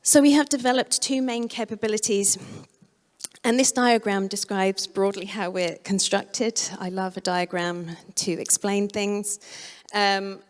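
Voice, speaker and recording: A woman giving a conference keynote, her voice going hoarse, speaking in a measured way and correcting herself as she goes. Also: medium pitch, fairly even intonation. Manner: measured, self-correcting presentation. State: losing her voice. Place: museum auditorium. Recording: long reverb of a lecture hall.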